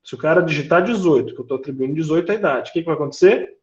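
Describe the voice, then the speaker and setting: A man's voice: a little high, very fast. A man with a Brazilian Portuguese accent teaching a live online coding class, patient and full of questions to the class. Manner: patient, asks the class questions, many filler tags. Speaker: programming teacher. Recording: roomy, dull lo-fi sound.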